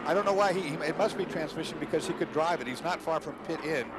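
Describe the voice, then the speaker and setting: A man's voice: a little high, fast talker. A man giving conversational motorsport commentary as the analyst alongside a lead announcer. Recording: loud engine noise behind commentary. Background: race cars.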